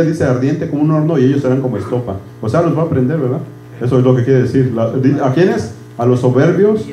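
A middle-aged male pastor, preaching in a very mellow, dark voice pitched a little high. He keeps checking in with the congregation and drops in English words. The room is echoey, with a faint hum behind him. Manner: conversational, asks "¿verdad?" constantly, switches into English words. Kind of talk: sermon.

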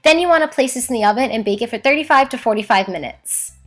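Chatty woman with a high voice. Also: animated, quick pace. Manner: chatty and upbeat, giving friendly instructions. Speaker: recipe-testing vlogger. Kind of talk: casual step-by-step cooking vlog. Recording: roomy echo with faint background music.

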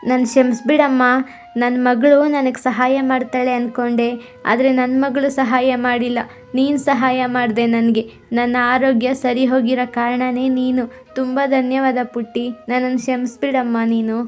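Cartoon stepmother, middle-aged, pleading and apologetic; woman performer, high voice. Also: level tone, a little slow, a little mellow, soft background music. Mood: remorseful. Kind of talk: cartoon voice acting.

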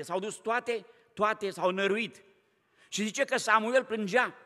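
Male preacher, high bright voice, fervent sermon delivery, echoing church hall. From Romania. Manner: fervent, shifts between loud exhortation and hushed tones. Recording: hall reverb.

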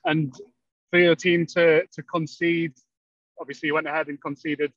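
A man in his thirties puts brisk, to-the-point questions to a manager over a video call. His voice sits slightly high and stays flat. The sound is dry and a little dull. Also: no room sound. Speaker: journalist. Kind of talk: press conference questions.

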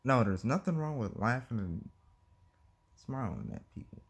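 A man's voice: medium pitch, sing-song, moderate pace, gravelly, slightly rough. A man talking to the camera in a casual, rambling vlog, hesitant and giggly, with many restarts, recorded on a phone. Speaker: vlogger.

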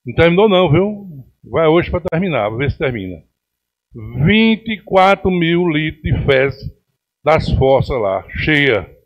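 A middle-aged man with a Pernambuco accent, speaking as a city councillor from the podium of a council chamber. His voice sits a little high for a man, and he presses his complaints with indignant emphasis. The sound is dull and lo-fi, like a chamber broadcast feed. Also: sing-song, unhurried. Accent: Pernambuco Brazilian Portuguese. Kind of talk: plenary speech. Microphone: podium microphone on stand.

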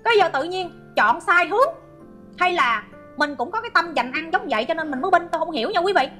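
A woman's voice: very high-pitched, lively intonation, quick pace, sharp tone, soft background music. A middle-aged woman hosting an online commentary show, reading out viewer comments and scolding a hater with sarcasm.

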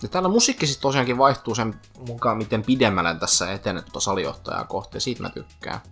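Finnish guy narrating his game playthrough, chatty trivia, low-ish gravelly voice. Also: lively intonation, fairly bright tone. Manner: chatty, explains name origins and trivia. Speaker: gaming commentator. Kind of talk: let's play commentary. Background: faint game music.

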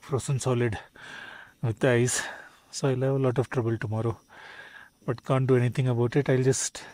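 Husky-voiced man vlogging from his car. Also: medium pitch, no echo. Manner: relaxed, talking to camera while cooking in the cold. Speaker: travel vlogger. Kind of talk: casual vlog narration. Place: inside a parked car in snowy cold. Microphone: camera close up inside the car.

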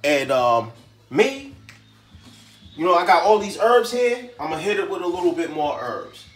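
Hosting a home cooking show, a man with a high-pitched, widely swinging voice chats with viewers in slang as he stuffs potatoes. He takes his time, and soft music plays in the background.

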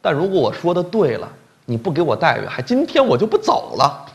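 A scruffy middle-aged job-seeker, cheeky and sure of himself, haggling in a sly tone, as a male lecturer puts him on. The voice is gravelly and swings widely in pitch. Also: wildly swooping pitch, fairly quick, exaggerated voice. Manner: sly, bargaining.

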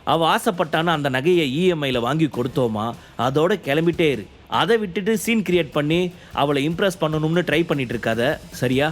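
A man voicing an arrogant rich young man who talks down to others and blusters loudly. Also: on the high side, animated, moderate pace, pitched above the performer's own voice, natural voice. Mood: condescending. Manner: blustering, shouting, condescending.

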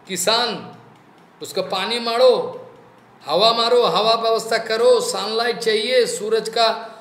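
A man gives a devotional sermon in a high, bright voice. He talks slowly and acts out the people he quotes. The room rings with echo. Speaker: spiritual teacher. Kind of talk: devotional discourse.

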